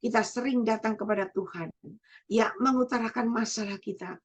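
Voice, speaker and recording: A woman preaching a sermon, repeating phrases and swinging between emphatic rises and quiet drops. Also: fairly high pitch, normal speed, husky. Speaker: evangelist preacher.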